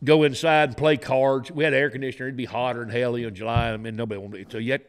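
A man's voice: mid-range voice, fairly even intonation, fast, clean tone. A middle-aged man with a Southern accent, telling profane, laughing stories as a guest on a podcast. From Florida, US. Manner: folksy, profane, laughs through his stories. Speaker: podcast guest, former game warden. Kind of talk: casual storytelling. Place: podcast set in a garage studio. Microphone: studio mic on boom arm, headphones.

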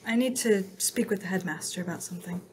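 A woman's voice: medium pitch, fast talker, darkish tone, slight background noise. A woman playing a tabletop game, describing her character in hesitant, trailing phrases. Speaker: player. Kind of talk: casual tabletop role-play.

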